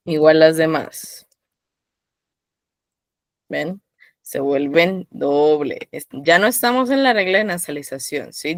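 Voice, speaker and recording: A woman's voice: sits low, dry recording. A woman teaching a live online language class, quizzing her students by name and patiently encouraging them. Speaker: Korean teacher.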